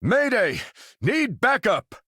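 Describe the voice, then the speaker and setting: Captain America, a dynamic commanding soldier. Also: male voice, very high-pitched, big pitch swings, slow pace, fairly bright tone, breathy edge, dry recording, clean studio sound, exaggerated voice. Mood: urgent, commanding. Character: dutiful, resolute male soldier commanding a superhero team. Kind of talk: video game character voice lines.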